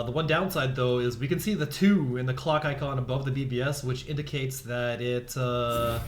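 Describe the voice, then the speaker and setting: A man casting a digital card game tournament, calmly explaining plays and rules as they happen. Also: medium pitch, slight background noise. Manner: explanatory, relaxed, gives rules tips. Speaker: esports caster. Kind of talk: play-by-play commentary.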